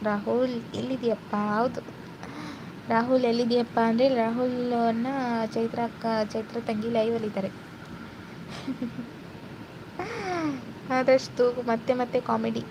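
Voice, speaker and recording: A woman's voice: fairly high pitch, flat delivery, fairly quick. A young woman hosting a casual live stream, reading out viewer comments and chatting with them. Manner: chatty, warm greetings to viewers, mixes English words. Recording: noisy phone live stream.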